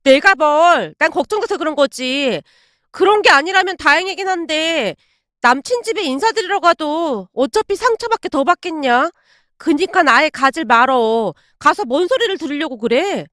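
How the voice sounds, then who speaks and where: A woman's voice: high-pitched, expressive, normal speed, fairly bright tone, no room sound, studio quality. A woman voicing a sneering spiteful young woman. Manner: sneering, blunt. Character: spiteful young woman friend, mocking and harsh.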